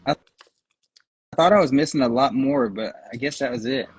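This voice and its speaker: A man's voice: mid-range voice, normal speed, slightly rough. A man co-hosting a livestream, chatting casually, laughing often and swearing offhandedly. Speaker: livestream co-host.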